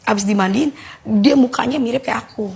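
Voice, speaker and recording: A woman with a Betawi Jakarta accent giving a casual personal testimony, telling her story in a lively way and acting out the voices of others. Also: fairly high pitch, brisk, vocal fry, slight background noise. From Jakarta, Indonesia. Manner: animated storyteller who acts out quoted voices. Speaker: guest giving a faith testimony.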